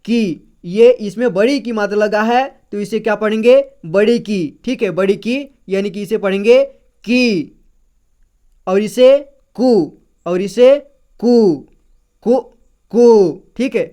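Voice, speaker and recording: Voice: medium pitch, takes it slowly, mellow. A patient reading teacher going through a syllable chart one sound at a time, repeating each syllable and checking in with the learner after every point. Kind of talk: slow syllable-by-syllable reading lesson.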